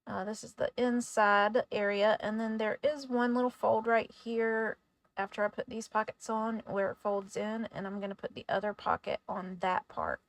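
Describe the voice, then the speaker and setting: Chatty woman narrating a craft tutorial. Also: medium pitch. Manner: chatty, relaxed, stumbles over words. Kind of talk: casual voice-over tutorial.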